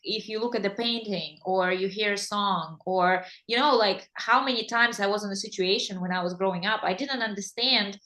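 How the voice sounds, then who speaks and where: Few pauses break up the talk of this enthusiastic Russian-accented woman, an English teacher hosting a relaxed interview in English. Her medium-pitched voice has a sharp edge, her pace is moderate, and she laughs readily.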